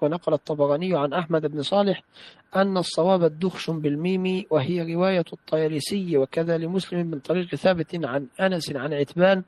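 A man with a high voice recites a classical text in a study session. He reads carefully and repeats phrases after a correction. The recording is dry, with no room sound. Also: a little mellow, no echo, low-quality recording. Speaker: student reading a text aloud to a teacher.

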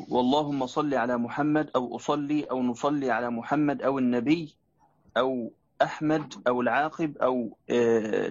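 A man reading a classical religious text aloud to his teacher in a measured, formal recitation. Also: medium pitch, darkish tone, no echo. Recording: muffled lo-fi recording.

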